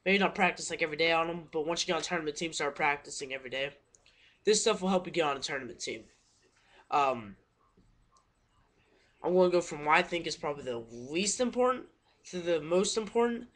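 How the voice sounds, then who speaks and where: A man's voice: fairly high pitch, animated, fairly quick, long pauses, fairly bright tone. A teenage boy talking casually into his webcam at home, rambling, correcting himself and apologizing, a bit out of breath. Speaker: paintball vlogger. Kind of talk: casual webcam tips talk.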